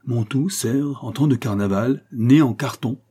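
A man reading aloud and voicing a proud, hot-headed male rival who shouts his replies. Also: medium pitch, a little slow, husky. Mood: triumphant. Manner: shouting, indignant. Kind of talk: storybook reading.

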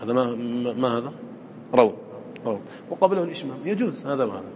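A man's voice: mid-range voice, expressive, quick pace, darkish tone, in a large hall, a little hiss or hum. A man teaching students the rules of Quran recitation, who often quizzes his listeners and repeats his points. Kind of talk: lecture to students.

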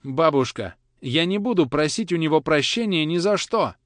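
Stammering young boy on the edge of tears, as a male reader puts him on, raised pitch. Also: animated, moderate pace, no room sound, lightly acted. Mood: defiant. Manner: trembling, stammering.

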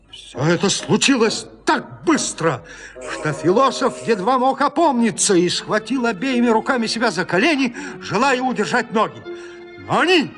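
In this audio drama of classic literature, a male narrator with a slightly high voice tells the story with measured expressiveness.

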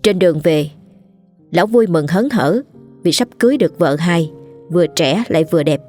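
A woman tells a ghost story in a steady, measured voice that sits on the low side. Soft music plays quietly behind her narration. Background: soft background music.

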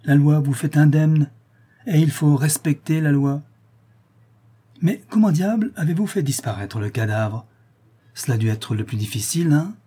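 A man reading aloud, voicing a calm, ironic man who corners a murderer with cool, relentless mockery. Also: a little high, moderate pace, breathy edge, voice pushed up. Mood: coolly mocking.

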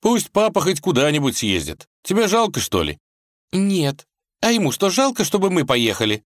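Fairy-tale tsarevna, young woman, teary and impulsive, high lively voice, read by a man. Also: normal speed, no echo, studio quality. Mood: tearful. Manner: high, sniffling, pleading.

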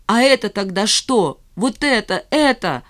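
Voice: medium pitch, expressive, unhurried, fairly bright tone, dry recording, clean studio sound, pitched above the performer's own voice. An audiobook reader voicing a distraught young woman who pleads in exclamations. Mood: desperate. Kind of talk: audiobook character voice.

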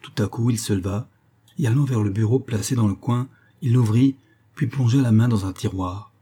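A man narrating a classic detective story in the first person, measured and steady. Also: medium pitch, slightly rough. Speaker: audiobook narrator.

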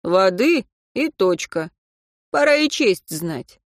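A cold, mocking young man who answers in curt, sarcastic jabs, as a woman reads him in an audiobook. The voice sits at a middling pitch, and the recording is dry and close. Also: sing-song, slow, dry recording. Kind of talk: audiobook reading.

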